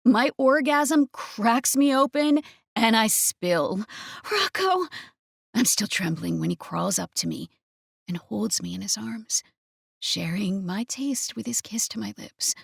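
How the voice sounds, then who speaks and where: A woman narrating a first-person romance audiobook in a breathy, intimate manner. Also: mid-range voice, lively intonation, measured pace, no room sound, studio quality.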